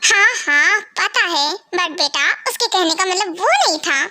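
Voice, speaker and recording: A woman's voice: very high-pitched, lively intonation, a little slow, pushed and bright, no room sound, full character voice. A woman playing a mother who teases and scolds her vampire son in a fan audio drama. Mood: advising. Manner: teasing, scolding.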